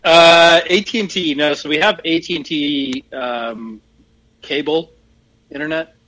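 A man's voice: on the high side, sharp tone. A man chatting casually as a podcast co-host, his voice sounding like a phone call over a poor connection, rambling and correcting himself as he goes. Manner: rambling, halting, self-correcting. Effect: sounds like a phone call over a weak internet connection. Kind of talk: casual chat.

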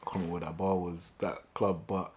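A man's voice: deep voice, flat delivery, a little fast, a little mellow. Slangy young man telling anecdotes. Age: young adult. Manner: slangy, repeats himself.

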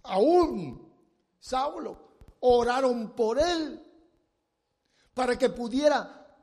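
A man's voice: very high voice, expressive, drawn-out words, long reverb tail. A man preaching a sermon in a dramatic style, acting out scenes and pleading voices as he speaks. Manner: dramatic, acts out the blind man's shouted pleas.

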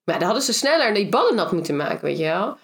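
A woman from the Netherlands, a guest in a casual interview, telling her story in a lively way with many fillers. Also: medium pitch, fast talker. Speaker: interview guest, former reality show finalist. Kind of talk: casual conversation.

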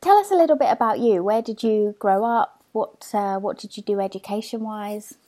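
A woman with a mellow, medium-pitched voice hosts an interview. She puts her questions to the guest conversationally. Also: moderate pace, faint music behind. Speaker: podcast host, interviewer.

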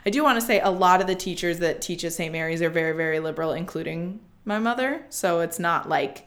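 Casual podcast co-host, young woman, chatty and rambling, slightly low voice. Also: fast talker. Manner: chatty, many "like" fillers and restarts.

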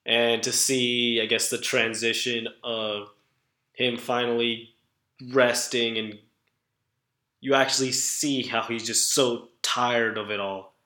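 Excitable man, bright voice, echoey room. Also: mid-range voice. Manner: excited, stumbling restarts. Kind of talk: casual movie chat.

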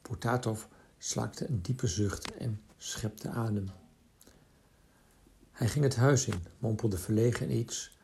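A man reading a literary short story aloud in a calm, measured narration. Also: fairly low pitch, vocal fry, a little hiss or hum.

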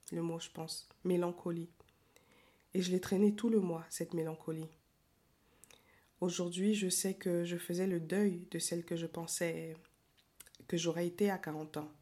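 Tired woman with a cold, mellow voice. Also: fairly low pitch. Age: 40s. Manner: soft, slow and hesitant, with frequent pauses. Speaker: podcast host. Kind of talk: reflective personal monologue.

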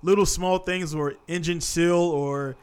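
A man's voice: fairly high pitch, fairly even intonation, measured pace, clean tone. A man in his thirties hosting a casual podcast chat, laid-back and peppering his talk with "man". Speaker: podcast host.

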